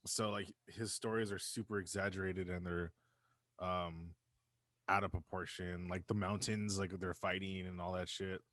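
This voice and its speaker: A man's voice: deep voice, level tone, normal speed, fairly bright tone, dry recording. A man co-hosting a casual podcast from home, laid-back, swearing and laughing often. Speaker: podcast co-host. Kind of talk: casual chat. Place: California home.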